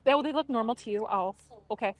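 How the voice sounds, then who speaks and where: A woman's voice: a little high, quick pace. A woman streaming from an outdoor event, greeting viewers by name in casual chat. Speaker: streamer filming on location. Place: outdoors by a lake.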